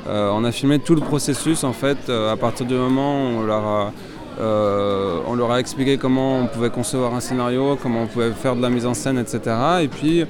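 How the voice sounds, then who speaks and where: This French man, a filmmaker, talks a little fast in a mid-range voice while answering interview questions outside. A loud crowd is audible behind him, and his replies are hesitant, with many fillers and restarts.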